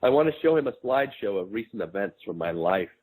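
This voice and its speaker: A man in his forties with a low voice reads his memoir aloud. He takes it slowly and quietly, in a reflective tone that sits close to plain speech. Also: animated, husky, poor audio. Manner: measured, quiet, reflective reading. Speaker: author.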